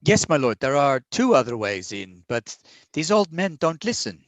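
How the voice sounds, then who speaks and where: A man's voice: on the high side, sing-song, normal speed, dry recording. A man voicing a nervous, deferential teenage Viking village boy in a tabletop role-playing game. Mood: earnest. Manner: earnest, deferential.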